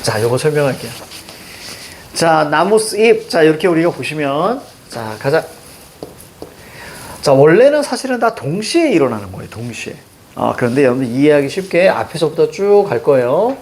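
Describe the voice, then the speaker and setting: A man's voice: on the high side, big pitch swings, normal speed, a little mellow, a little hiss or hum. A man teaching a classroom grammar lesson, walking through pronunciation rules step by step.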